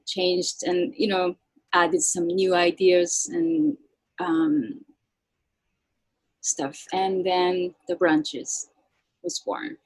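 A Japanese-born woman violinist with a Japanese accent, a native Japanese speaker, chatting in an interview with a soft, halting delivery full of fillers. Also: fairly low pitch, steady tone, dry recording, poor audio. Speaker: guest violinist. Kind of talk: casual interview chat.

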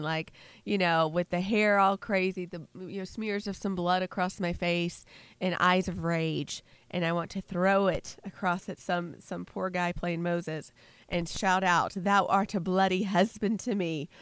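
A woman's voice: fairly low pitch, steady tone, moderate pace, clean tone, dry recording. Playful woman co-hosting a Bible podcast. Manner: laughs often, playful and chatty. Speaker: podcast co-host. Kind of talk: casual bantering Bible podcast.

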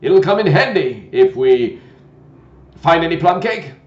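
Man playing a fussy old knight, loud, fretful, slow-spoken, dull roomy sound. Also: a little high, animated, voice pushed up. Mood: fussy eager. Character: fussy gentle old male knight, inventive and anxious.

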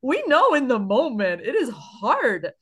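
A woman co-hosting a parenting podcast in casual, animated conversation, often laughing and thinking aloud with fillers. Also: sits high, a little slow.

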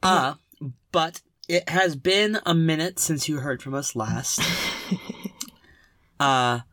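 A man's voice: a little high, takes it slowly, pushed and bright, dry recording. A man co-hosting a casual podcast from inside a clothes closet, talking with a dry, wordy humor. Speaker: podcast co-host.

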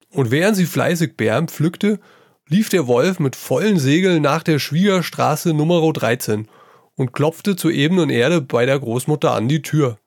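A man giving a gruff, salty performed reading of a comic story, in the voice of an old sailor yarning to children. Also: mid-range voice, a little mellow, no room sound, studio quality.

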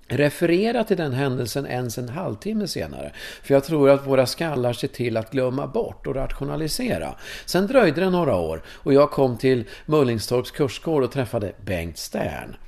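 A man in his fifties from Sweden, a course leader telling personal stories in an interview in a casual, animated way. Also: medium pitch, creaky. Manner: animated, casual, swears, tag questions. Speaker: course leader in sexuality and breathwork.

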